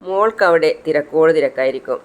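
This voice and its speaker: A man's voice: fairly high pitch, expressive, quick pace, muffled recording. A man retelling a TV serial episode in plain storytelling, reading the characters' lines in his own voice. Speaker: serial recap vlogger.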